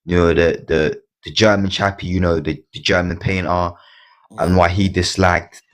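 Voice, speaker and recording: Here is a man with a very low, deep voice, chatting casually on a live stream. He talks in a halting way, repeating words and restarting his sentences. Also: level tone, a bit bright. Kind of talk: casual chat.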